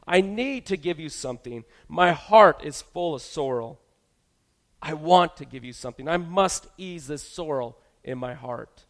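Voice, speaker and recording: A man's voice: mid-range voice, normal speed, big-room sound, close to an everyday voice. A man preaching, voicing a troubled worshipper who pleads with sorrowful urgency. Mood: distressed. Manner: pleading, rising to loud distress.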